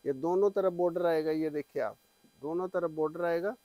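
Eager higher-voiced salesman. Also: fairly even intonation, fairly quick, warm tone, dry recording. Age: middle-aged. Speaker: saree shop seller and presenter. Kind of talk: sales pitch demonstrating products to camera. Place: small saree shop, indoors. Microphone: clip-on lapel mic.

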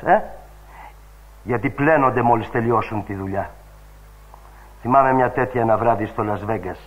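Guy voicing a bitter seaman telling tales, middle pitch, dull old radio sound. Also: natural voice. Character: weary cynical male ship's radio operator.

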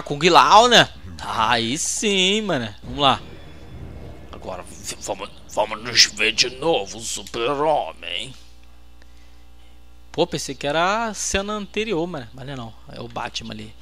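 A man with a Brazilian accent giving excitable, trash-talking commentary while playing a fighting game. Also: medium pitch, unhurried. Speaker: gameplay host. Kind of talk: let's-play commentary.

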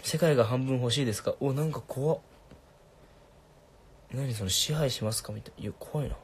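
A young man casually answering viewer questions on a livestream, laid-back and soft-spoken. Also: mid-range voice, a little fast, slightly rough.

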